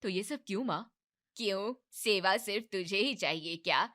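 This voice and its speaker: A woman's voice: mid-range voice, moderate pace, bright, forceful tone, natural voice. A woman voicing a bossy but caring older mother-in-law in a cartoon family drama, scolding and commanding. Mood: firm.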